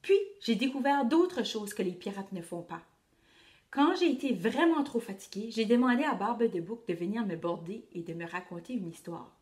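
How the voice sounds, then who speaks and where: A teacher reading a picture book aloud to children, expressive and addressing the young listeners directly. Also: female voice, medium pitch, moderate pace, reverberant. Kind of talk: children's storytelling read-aloud.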